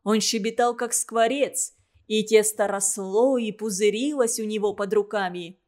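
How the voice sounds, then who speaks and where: A woman's voice: mid-range voice, a little slow, a little mellow. A woman expressively narrating a folk tale aloud as a storybook reading.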